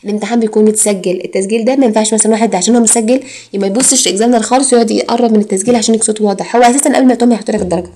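A woman's voice: on the high side, steady tone, mellow. A woman teaching an IELTS course in Egyptian Arabic, mixing in English exam phrases and drawing out her fillers. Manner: drawn-out fillers and hesitations. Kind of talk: recorded lecture.

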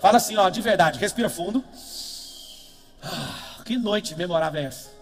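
A man with a Brazilian Portuguese accent leads a live motivational seminar. He swings between low, quick asides and shouted lines for the crowd to repeat. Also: lively intonation. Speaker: motivational speaker. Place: large event hall with a big screen. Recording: long hall reverb, faint music behind.

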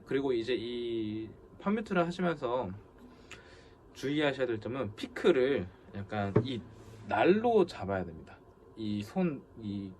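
Male guitar teacher, animated delivery, talks over loud strumming in a music studio. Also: fairly low pitch, lo-fi sound. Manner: counts beats aloud over loud guitar playing. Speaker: guitar instructor. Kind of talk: guitar lesson with counting.

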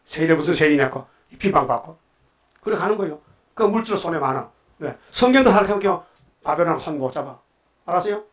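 A man preaching with a fairly high voice. He is emphatic and keeps firing rhetorical questions at his listeners. He slips into quoted voices as he tells the scripture stories. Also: animated, quick pace. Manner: acts out quoted voices of God and the devil. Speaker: pastor. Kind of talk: sermon.

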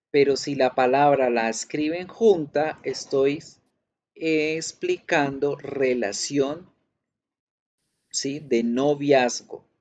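A male teacher, talking slowly and carefully as he leads an online class. His voice sits a little high for a man. He keeps checking in with his students as he goes. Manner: explanatory, addresses students directly with frequent check-ins. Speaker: English teacher. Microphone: computer mic in a video class.

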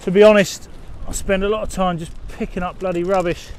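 A man in his forties vlogging as he sea-fishes from a windy harbour wall, rambling with many fillers and excited when he gets a bite. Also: high-pitched, a little fast. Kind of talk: casual outdoor vlogging. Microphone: action camera at arm's length.

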